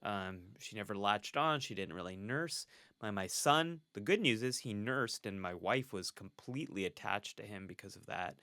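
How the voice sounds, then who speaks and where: A man with a bright, forward voice talks candidly as a psychologist being interviewed. He is earnest and reflective and breaks into laughter between thoughts. The sound is close and dry, with no room around it. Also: fairly low pitch, animated, normal speed, dry recording. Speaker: clinical psychologist, podcast guest. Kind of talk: candid conversational storytelling.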